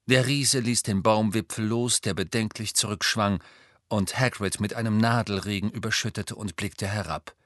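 A man reading an audiobook as narrator, telling the story in a lively, expressive way. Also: lowish voice, normal speed, no echo, studio quality. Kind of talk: scripted narration.

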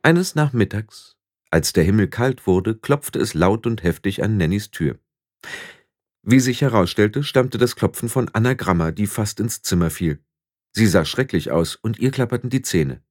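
Man, audiobook narrator, lively expressive delivery, dry close recording. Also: lowish voice, moderate pace, no room sound. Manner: expressive storytelling.

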